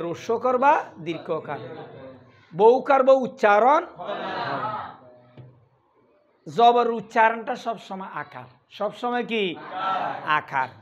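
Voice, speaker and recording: A male Quran recitation teacher leading a class lesson, repeating drills and asking questions he answers himself. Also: high voice. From Bangladesh. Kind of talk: classroom lesson with call and response. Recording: dull lo-fi sound with faint noise.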